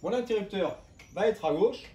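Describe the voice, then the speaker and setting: A man's voice: sits high, expressive, normal speed, mellow. Man explaining DIY steps in an echoey room. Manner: matter-of-fact, explaining each step plainly. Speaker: DIY channel host. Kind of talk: casual step-by-step DIY narration. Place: home room by windows, indoors. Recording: echoey room, distant mic, background noise.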